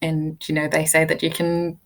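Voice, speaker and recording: A woman's voice: low-pitched, monotone, normal speed, vocal fry. A young woman from Afghanistan, a guest in an interview, speaking casually with many fillers and restarts.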